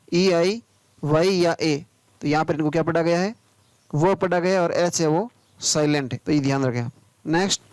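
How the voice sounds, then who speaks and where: A man, teaching English pronunciation, spelling out words letter by letter and then explaining them slowly. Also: high voice, darkish tone, dry recording, low-quality recording. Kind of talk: pronunciation lesson.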